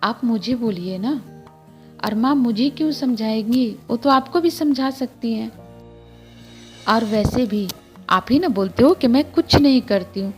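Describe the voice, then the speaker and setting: A woman's voice: a little high, expressive, measured pace, a little mellow, faint music behind. A woman voicing an easily upset young wife who speaks indignantly and pleads.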